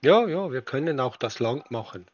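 A man in a prank phone call, talking slowly and pedantically while pretending to be confused. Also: mid-range voice, expressive, darkish tone. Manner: slow, pedantic, feigning confusion. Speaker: prank caller baiting a scammer.

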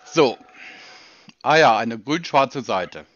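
A man's voice: medium pitch, lively intonation, takes it slowly, a bit bright, dull audio. A man on a call, answering with dry, skeptical, needling questions. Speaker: call recipient.

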